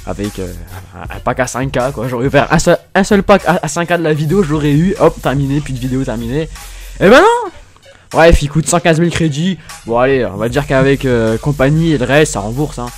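Man, gaming commentary, excitable, self-mocking, stammers, faint music behind. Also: medium pitch, fast talker, few pauses. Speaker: gaming YouTuber. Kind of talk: casual pack-opening commentary.

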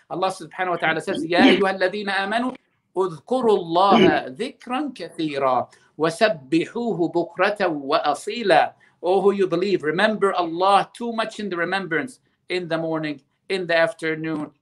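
A man's voice: high voice, a bit bright. A man as a religious scholar guest, explaining earnestly and weaving Arabic phrases into his teaching.

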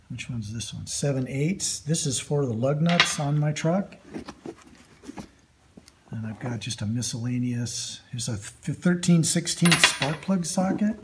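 A man hosting a workshop video, casually showing his tools in a slow, halting way with lots of ums and uhs. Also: a little high, very noisy. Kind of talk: casual show-and-tell of tools. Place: indoor workshop at a metal bench. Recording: loud clatter of metal tools.

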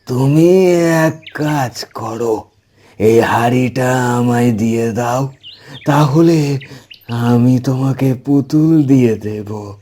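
A woman's voice: extremely low pitch, mellow, pitched below the performer's own voice, exaggerated voice. A woman voicing an eerie, panting old male doll seller in a storybook horror cartoon, coaxing and creepy. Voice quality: gravelly, breathy and drawn-out.

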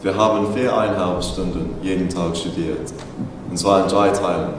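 A teenage boy speaking learner's German recites his lines carefully, his plain. His voice is low and deep. A long echo and noise fill the hall around him. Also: steady tone, normal speed, recorded from a distance. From England. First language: English. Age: teens. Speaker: student. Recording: echoey hall with background noise.

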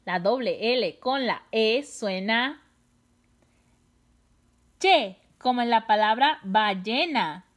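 A woman teaching a children's phonics lesson, sounding out syllables slowly and stretching the words, with playful, exaggerated surprise. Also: fairly high pitch, lively intonation. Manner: slow, drawn-out sounding of syllables.

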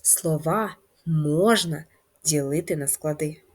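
Breathy woman teaching young children. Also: low-pitched, takes it slowly, a little mellow. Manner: patient and clear, stretching words into syllables. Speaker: primary school teacher. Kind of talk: first-grade reading lesson.

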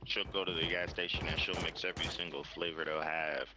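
A man's voice: low voice, level tone, fairly quick, background noise. A man joking and teasing his squad as he plays a video game, heard over online voice chat. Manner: playful, teasing.

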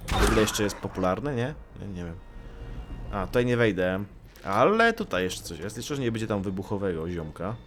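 A man's voice: fairly low pitch, very animated, brisk, a little hiss or hum. A man giving joking Let's Play commentary and talking to the enemies he fights. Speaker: gaming YouTuber.

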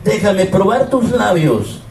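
Older Mexican man grandly declaiming poetry, slowly. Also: sits high, sing-song, vocal fry, darkish tone. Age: older, 60s or 70s. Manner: impassioned, theatrical, drawn-out phrasing. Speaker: poetry reciter at a public event. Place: open-air covered plaza before a seated audience. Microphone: handheld microphone over PA, recorded from a distance. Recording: echoey distant PA, background noise.

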